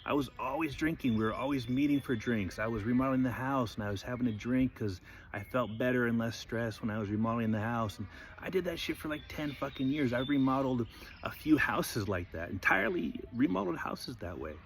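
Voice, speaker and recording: A man's voice: mid-range voice, fairly quick. A man in his forties giving a blunt, heavily profane motivational monologue. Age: 40s. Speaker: motivational speaker.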